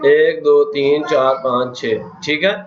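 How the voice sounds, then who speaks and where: Speaking slowly and steadily in a slightly high voice, a man from Pakistan delivers a math lecture, quizzing students and counting places out loud. Slight background noise sits under the dull, lo-fi sound of the echoey classroom.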